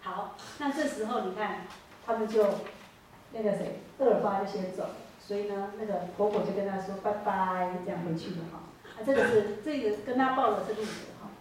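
In a church hall, a woman with a Taiwanese Mandarin accent preaches a sermon, retelling a Bible story with many rhetorical questions and hesitant self-corrections. Her medium-pitched voice is a little fast and slightly mellow, with some hiss or hum, echoey and distant-miked.

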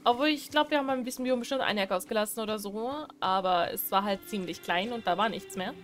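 A young woman giving casual let's play commentary, chatty and excitable, breaking into loud squeals. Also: mid-range voice, fast, soft background music. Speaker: gaming streamer.

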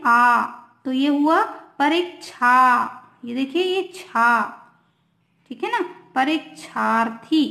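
High-voiced, slow-paced woman teacher. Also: fairly bright tone. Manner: repeats "theek hai na" often, mixes English words; slow, drawn-out reading of examples. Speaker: Hindi grammar teacher. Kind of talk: online class lesson. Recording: echoey room.

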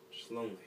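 A young actor playing a lonely, heartbroken man, talking haltingly in despair and trailing off into mumbles. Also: medium pitch, a bit bright, recorded from a distance, a little hiss or hum, lightly acted. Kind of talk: short film drama monologue.

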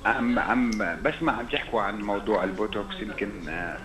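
A man from Jordan, calling in to a TV show over a poor-quality, unclear line. He talks politely and warmly, trading greetings and often restarting his sentences. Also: lowish voice, fast, a crowd in the background. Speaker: phone-in caller. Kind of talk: call-in chat on a TV show. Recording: echoey phone line with faint hum.

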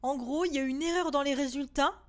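A high-pitched young woman giving let's-play commentary on a horror game. She talks to her viewers in a chatty, swearing flow, stacking up rapid repeated words and letting out shrieks at the jump scares. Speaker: gaming streamer.

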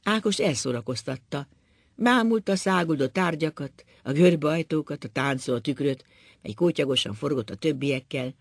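A male narrator reads a literary novel aloud in a measured, even way. His voice is gravelly and a little husky. The recording sounds close and dry. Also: a little high, dry recording. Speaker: audiobook narrator.

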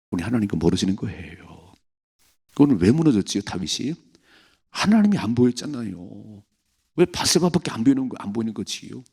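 Gravelly-voiced pastor preaching a dawn sermon. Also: male voice, lowish voice. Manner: acts out voices of parents, David and the devil in quoted lines; emotional, swinging between loud and hushed.

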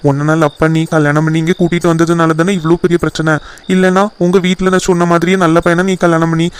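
A caring young husband from a cartoon family drama, voiced by a man. His voice is smooth and fairly high, and he talks quickly with a gentle, reassuring manner. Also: little pitch movement, natural voice. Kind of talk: cartoon voice acting.

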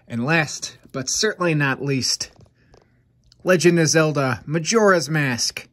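Slightly congested yet upbeat, a man with a somewhat high, bright voice runs a gaming channel, chatting to camera about games he recommends. He sits indoors in front of game shelves and throws in quick asides.

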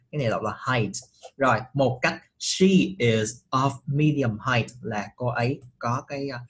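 Middle-aged man, patient English teacher, slightly husky tone. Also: medium pitch. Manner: patient, checks often with rising questions. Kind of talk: online English class.

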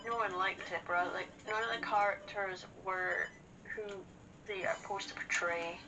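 Co-hosting a video game session, a woman chats casually and bluntly, swearing now and then. Her medium-pitched voice is fairly even and moderately paced, with video game music and a noisy background behind her.

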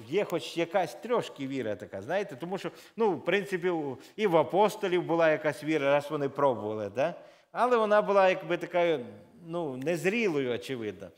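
In church, a man with a slightly high voice preaches a sermon in a conversational way, full of fillers and self-corrections. When he reads scripture aloud, he raises his emphasis.

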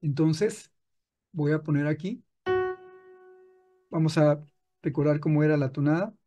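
A man teaching music software in a screen-recorded tutorial, patient and explaining step by step with frequent restarts. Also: on the high side, a little slow.

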